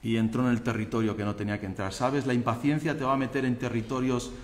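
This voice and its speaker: Spanish pastor preaching in an echoey hall. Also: male voice, medium pitch, fast talker. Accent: Spanish from Spain. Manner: swings from loud fervent exhortation to quiet calm teaching; acts out voices of people in his stories. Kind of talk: sermon. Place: church sanctuary.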